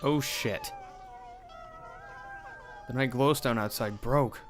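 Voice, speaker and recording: With faint music in the background, a young man hosting a let's play slowly reads a horror game's dialogue aloud in a mid-range voice. He gives the lines some drama and adds commentary, swearing in his asides.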